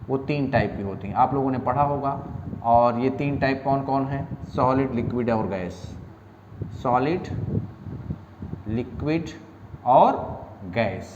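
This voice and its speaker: A male chemistry teacher works through his lecture at a very slow, deliberate pace, repeating key phrases and spelling terms letter by letter as his students write. His voice rings out in a reverberant hall, with a muffled, dull sound and clear background noise. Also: medium pitch. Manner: slow, repetitive dictation, spelling words out letter by letter, mixing Hindi and English. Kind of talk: classroom lecture, dictating notes.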